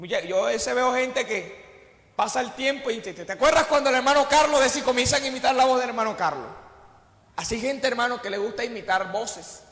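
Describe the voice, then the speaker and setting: High-pitched, impassioned male preacher. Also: fairly quick, a bit bright. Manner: impassioned, fills phrases with "aleluya" and "hermano". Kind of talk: sermon. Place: church. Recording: echoey church hall reverb.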